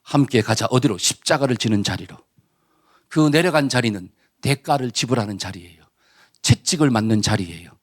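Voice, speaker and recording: Lively Korean pastor preaching. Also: male voice, medium pitch, moderate pace. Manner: rhetorical questions and call-and-response. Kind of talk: sermon. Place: church.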